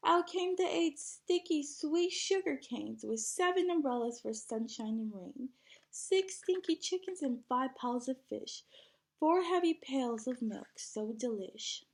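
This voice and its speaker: In an unhurried, expressive read-aloud, a woman with a high-pitched voice shares a picture book with kids, teacher-style, keeping them engaged through simple prompts.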